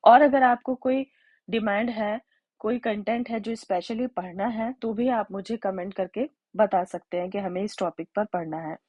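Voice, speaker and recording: A woman teacher explaining a grammar lesson, spelling out examples slowly and repeating them. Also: mid-range voice, fairly even intonation, a little mellow, dry recording. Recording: dull lo-fi sound.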